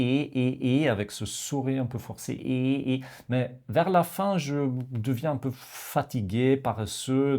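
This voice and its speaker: Slow, gravelly-voiced man teaching pronunciation. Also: mid-range voice, dark tone. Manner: slow, hesitant, many pauses and fillers. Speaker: language teacher. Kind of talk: explaining pronunciation to learners.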